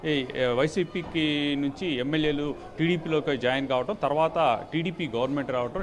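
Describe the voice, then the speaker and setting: A man in his thirties giving a live news report from a council hall on a handheld mic, halting, with many fillers and restarts. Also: medium pitch. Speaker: field reporter. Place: council hall with a crowd around. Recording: noisy live report with crowd behind.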